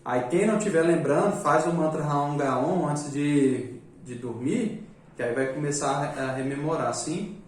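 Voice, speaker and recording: A man teaching a live class, casual and joking, often tagging his points with a quick question. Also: a little high, a little hiss or hum. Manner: joking, chatty, repeats "né?" often. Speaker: magic course teacher. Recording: echoey room, distant mic.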